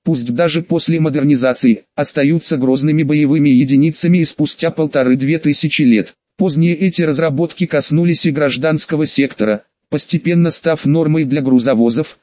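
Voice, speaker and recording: Higher-voiced man reading an audiobook. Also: fairly quick, hardly any pauses, warm tone, dry recording, lo-fi sound. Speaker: audiobook narrator. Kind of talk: scripted narration.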